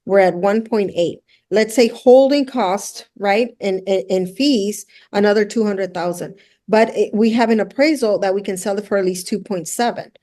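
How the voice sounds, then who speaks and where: In a medium-pitched, dark-toned voice at a moderate pace, a middle-aged woman earnestly recounts her experiences as an interview guest. Born in El Salvador, she moved to the US at six and now flips luxury houses, telling her story conversationally.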